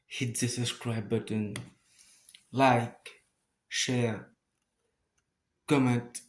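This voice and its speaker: Slow-talking man with a Mauritian accent. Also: medium pitch, darkish tone. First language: Mauritian Creole. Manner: halting, searching for words, repeats phrases. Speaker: YouTuber making a first video. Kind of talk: casual talk to viewers.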